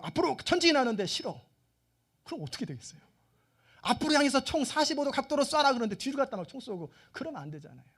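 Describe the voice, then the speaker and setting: High, lively-voiced male preacher. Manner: animated storytelling, acting out voices and questioning the listeners. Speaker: pastor. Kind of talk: sermon.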